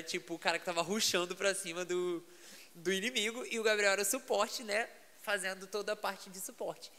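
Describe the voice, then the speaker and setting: Lively Brazilian pastor, bright voice. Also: male voice, high voice, in a large hall. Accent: Brazilian Portuguese. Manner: lively storytelling, animated and laughing. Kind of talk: casual podcast chat.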